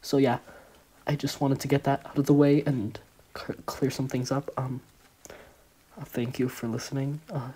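A man's voice: mid-range voice, level tone, moderate pace, pauses often, dark tone, breathy edge, low-quality recording. A young man making a mock-serious video announcement, speaking with fake earnestness and hesitant fillers. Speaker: YouTuber.

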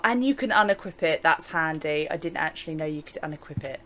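A woman's voice: low-pitched, lively intonation, fast, fairly bright tone. A young English woman casually commenting as she plays a video game, chatty and exclamatory, often breaking into laughter. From England. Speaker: gaming channel host. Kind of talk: let's play commentary.

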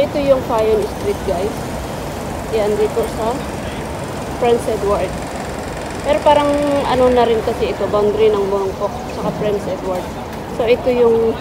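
A woman vlogger narrating a casual walking tour through a city street market, chatting to her viewers as she goes. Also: fairly high pitch. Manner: chatty, keeps addressing viewers as guys. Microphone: handheld phone camera while walking. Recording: loud street traffic noise. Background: traffic and city street sounds.

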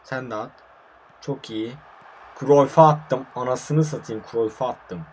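A man's voice: medium pitch, slow, a little mellow, slight background noise. A young man giving live commentary over his own online football match, frustrated and swearing as he plays. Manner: frustrated, swearing, talking to himself and viewers.

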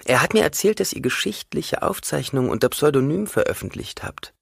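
A man voicing a polite, deferential young woman envoy in an audiobook, speaking softly in a raised voice. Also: a little high, very animated, a little fast, vocal fry, slightly rough, no room sound, clean studio sound, pitched above the performer's own voice, full character voice.

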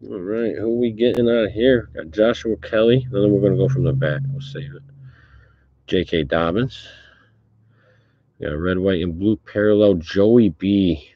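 A man talking through a face mask, giving laid-back, casual running commentary as he hosts a sports card break and swears offhandedly. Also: sits low. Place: indoor tabletop card-opening setup. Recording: dull, muffled audio with background noise.

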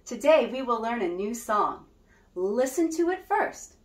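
A woman's voice: fairly high pitch, big pitch swings, a little slow. A woman music teacher leading a children's lesson, cheerful and guiding with call-and-response. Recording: roomy echo.

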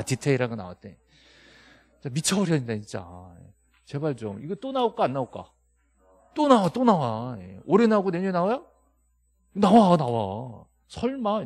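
A man's voice: on the high side, darkish tone. A middle-aged man lecturing a classroom on property law, scolding and joking with his students and firing rhetorical questions at them. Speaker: real estate law instructor.

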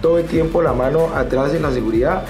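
A Colombian man instructs in short, polite, repeated commands. His voice is slightly high, and loud music plays behind it. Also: fast talker. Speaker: rappel instructor.

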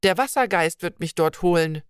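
A woman's voice: fairly low pitch, expressive, normal speed, clean tone, no echo, studio quality, close to an everyday voice. Vibeka, a woman doing a shy young maiden. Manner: soft, polite, old-fashioned speech.

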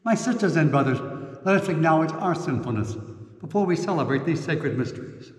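A priest with a fairly high voice reads prayers and scripture at a slow, solemn, measured pace. His voice rings through a big church with a long, hanging reverb. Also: lively intonation, darkish tone. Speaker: priest celebrating Mass. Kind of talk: liturgical prayer and scripture reading. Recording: echoey church, reverberant and roomy.

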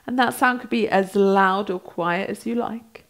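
A woman in her thirties working as a breathwork instructor, gently guiding a practice in an unhurried way with pauses between instructions. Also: medium pitch. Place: small bright indoor room, seated on a mat.

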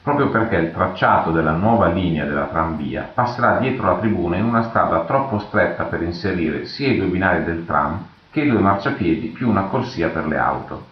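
A man giving a measured, matter-of-fact scripted narration for a technical documentary. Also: low-pitched, lively intonation, a little hiss or hum. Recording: echoey, dull lo-fi voice-over.

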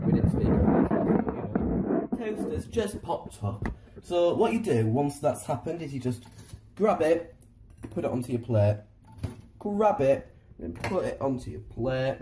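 Filmed on a tripod in his own kitchen, a slightly breathless man rambles through a casual how-to vlog, chatty and poking fun at himself. His voice is medium-pitched. The room is echoey and there's heavy background noise.

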